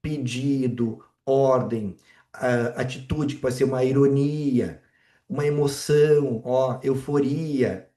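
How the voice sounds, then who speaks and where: Male Portuguese teacher, mid pitch, dark mellow tone, echoey video-call sound, casual live class. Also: fairly even intonation, slow pace. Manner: casual, checks in with students often. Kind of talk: live online exam walkthrough.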